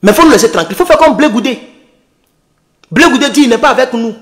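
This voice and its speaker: A man's voice: very high voice, lively intonation, fast talker, a bit bright. A man with an Ivorian French accent, taunting and scornful, ranting on a late-night livestream into his phone. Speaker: online political activist.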